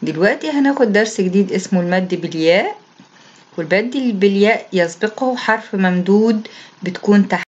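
A woman's voice: mid-range voice, animated, a little fast, a little mellow, highs cut off. A woman teacher with an Egyptian Arabic accent explaining a lesson for young pupils, reading out each task and then going through it patiently. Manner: patient and repetitive, reads each instruction aloud, then explains it. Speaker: primary school Arabic teacher. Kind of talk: recorded classroom lesson explanation.

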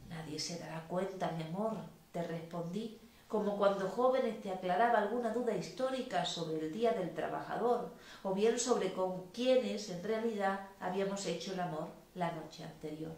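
A woman's voice: medium pitch, normal speed, darkish tone. Woman reading poetic prose, very echoey. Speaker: reader. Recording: very echoey room.

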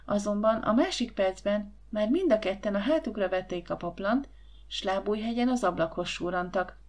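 Woman narrating a storybook gently. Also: medium pitch. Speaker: audiobook narrator.

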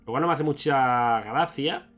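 Bright-voiced man playing a game. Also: medium pitch, a little slow. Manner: thinks aloud, swears when surprised. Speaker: gaming YouTuber. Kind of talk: casual Let's Play commentary.

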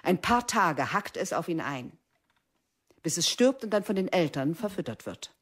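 A strict, dry biology teacher in her fifties in a radio drama. She lectures in a lowish voice, measured and deliberate, letting her pauses hang. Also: big pitch swings, husky. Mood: lecturing. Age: 50s.

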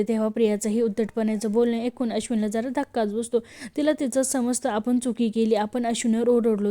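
A woman's voice: on the high side, warm tone. A woman retelling a TV serial episode as a voice-over, quoting each character's lines in her own voice. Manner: storytelling, quotes each character's lines in the same voice. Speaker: narrator of a TV serial recap.

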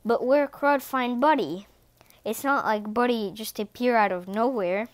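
Dim gruff cat bad guy, blunt caveman talk, slow and kinda high, a woman reading him out. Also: close to an everyday voice. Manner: broken caveman grammar, blunt. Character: dim, gruff male cat villain who is lonely.

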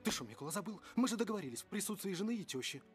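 A man's voice: high voice, big pitch swings, rapid-fire, faint music behind. An actor playing an agitated man who nags and pleads with a naval comrade in a film drama. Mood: agitated, reproachful.

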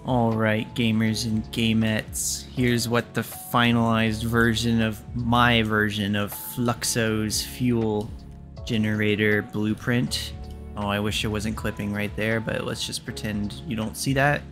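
A man's voice: fairly low pitch, flat delivery, slow pace, fairly bright tone, faint music behind. A young man giving casual, jokey commentary over his factory-building gameplay, swearing freely. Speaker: gaming YouTuber.

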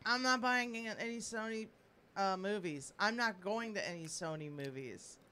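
A woman's voice: mid-range voice, normal speed, pushed and bright. A woman co-host in casual, opinionated chat, repeating her points for emphasis. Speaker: show co-host.

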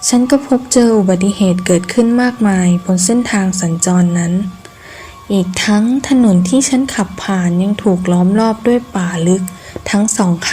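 A woman reading a scripted first-person ghost story in measured, deliberate phrases with pauses. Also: mid-range voice, warm tone. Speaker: horror story narrator.

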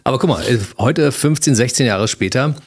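A man's voice: mid-range voice, lively intonation, moderate pace, husky. A man hosting a late-night radio talk show, chatty and teasing. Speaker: radio host. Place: radio studio.

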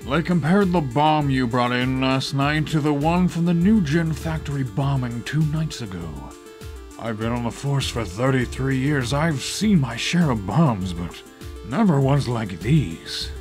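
A man voices a stern older police chief in an audio drama, sounding weary, authoritative and matter-of-fact with faint music behind him. His medium-pitched voice is a little mellow and expressive, delivered at a measured pace with light acting.

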